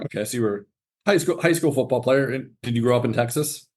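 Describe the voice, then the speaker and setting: A man's voice: medium pitch, fast, darkish tone. A man from southwestern Pennsylvania hosting a running podcast, asking casual questions and often restarting them. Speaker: podcast host.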